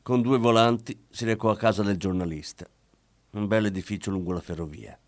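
A man reading a crime story aloud in measured, expressive scripted narration. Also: on the low side. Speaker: audiobook narrator. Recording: faint background music.

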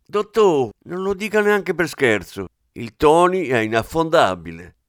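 A man's voice: a little high, sing-song, a little slow, no echo, clean studio sound, voice pushed up. Man doing a cheery boatman cop. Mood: indignant. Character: cheerful male police boatman.

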